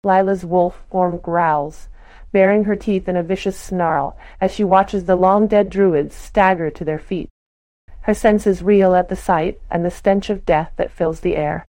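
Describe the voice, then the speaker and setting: Woman narrating a roleplay, low mellow voice, dry close sound. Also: dry recording. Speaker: player narrating her character. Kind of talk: reading a role-play story aloud.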